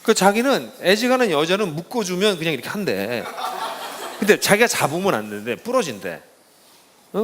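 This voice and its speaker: A middle-aged pastor giving a casual talk to students, telling stories in an animated, informal way. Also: male voice, fairly high pitch, in a large hall, slight background noise. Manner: lively storytelling, casual speech to young listeners.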